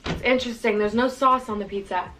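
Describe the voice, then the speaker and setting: A woman's voice: fairly high pitch, fairly even intonation, fast talker, a bit bright. A woman hosting a mukbang, chatting casually and giggling as she eats. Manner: chatty, giggly, talks while eating. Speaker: mukbang host. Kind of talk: casual eating chat.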